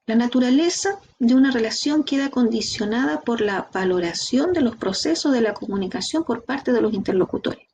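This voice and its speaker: A woman with a Chilean Spanish accent giving a training lecture, lively, asking her students rhetorical questions. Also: on the high side, normal speed, few pauses, a little hiss or hum. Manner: lively, talks to the class directly with rhetorical questions. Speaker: instructor.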